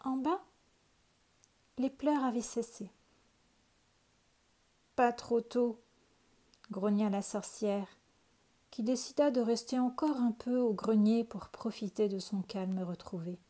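A woman calmly reading a children's picture book aloud. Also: fairly high pitch. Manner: calm, unhurried storytelling. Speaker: storyteller.

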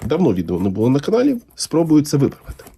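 A man's voice: fairly high pitch, gravelly, slight background noise. A man talking casually and enthusiastically as he unboxes comics for his channel. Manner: enthusiastic, unhurried, lively intonation.

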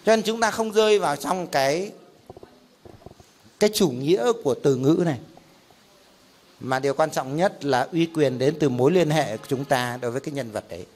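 A middle-aged pastor teaches a Bible class. His voice sits fairly high for a man, and he asks rhetorical questions and gives examples as he explains. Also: a little fast, pauses often, a little mellow.

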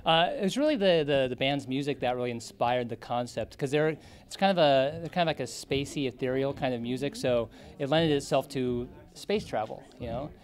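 A man's voice: mid-range voice, fairly quick, few pauses. Man in his 30s, co-director, casual joking red carpet chat, handheld mic. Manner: chatty, joking, many fillers. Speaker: music video co-director. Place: festival press wall, indoors. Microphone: handheld interviewer mic.

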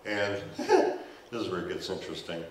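With a deep voice and huge pitch swings at a moderate pace, an older man preaches a sermon from a church stage, moving and gesturing while using a headset mic and mixing in humorous asides. The audio is roomy, recorded from a distance, with slight background noise.

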